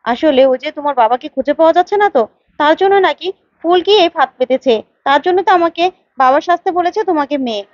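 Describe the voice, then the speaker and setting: Lady doing a flustered guy playing along, rushing his words, dry dull sound. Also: high-pitched, no echo, close to an everyday voice. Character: flustered man posing as a bride's father.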